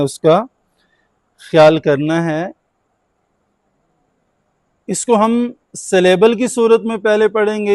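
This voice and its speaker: A man teaching Quran recitation in an online class, firmly correcting students and drawing out the recited words slowly. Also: high voice, a little mellow, dry recording.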